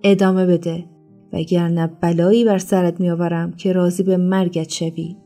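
A woman's voice: fairly low pitch, level tone, dark tone, faint music behind, lightly acted. A woman voicing a brutal male slave overseer who barks harsh threats in a storybook reading. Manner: harsh, menacing, barked threats.

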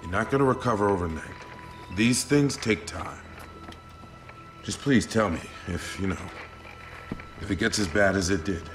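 An actor playing an earnest, worried American boat captain in a dramatic video game about surviving an apocalypse, with an insistent way of talking. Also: male voice, on the low side, normal speed, long pauses, fairly bright tone, faint music behind, close to an everyday voice. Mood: concerned.

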